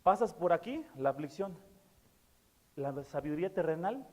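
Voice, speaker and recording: A man's voice: on the high side, lively intonation, moderate pace, big-room sound. A man preaching a sermon as pastor, earnest and repeating key words, with many fillers. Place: church.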